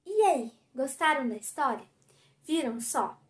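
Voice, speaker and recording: A woman teacher with a Brazilian Portuguese accent giving a recorded class for children, speaking clearly and patiently and sounding out syllables. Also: high-pitched, expressive, unhurried.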